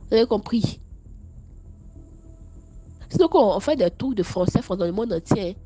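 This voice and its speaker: A young woman with an Ivorian French accent, talking straight to her viewers in a casual storytime vlog, animated and stammering, scolding one moment and telling her story the next. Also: medium pitch, moderate pace. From Ivory Coast.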